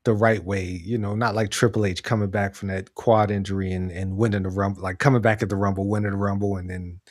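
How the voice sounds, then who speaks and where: A podcast co-host with a lowish voice talks fast and flatly, sharing opinions in a casual chat about pro wrestling and repeating phrases to drive points home. The recording is clean studio audio with no echo.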